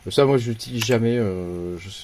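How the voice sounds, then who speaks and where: A man's voice: fairly low pitch, a little fast, a little mellow, a little hiss or hum. A man hosting a casual computer tutorial, talking informally with many hesitations and restarts. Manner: informal, slangy. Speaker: tech tutorial host. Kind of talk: casual screen-recorded tutorial.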